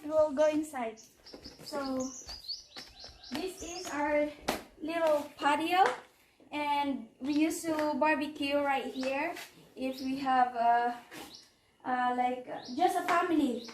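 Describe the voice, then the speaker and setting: Touring a house from the patio to the rooms inside, a woman from the Philippines narrates her vlog in a high, slightly hoarse voice with occasional throat clearing. Her delivery is unhurried, halting, and chatty with repeated phrases; the sound is echoey, off-mic, and noisy.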